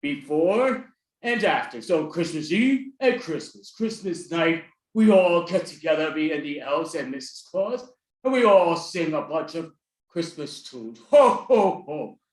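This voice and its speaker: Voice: medium pitch, animated, measured pace, lightly acted. A performer putting on a jolly Santa Claus voice who keeps breaking into ho ho ho laughs, recorded in an echoey room. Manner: laughs ho ho ho between phrases.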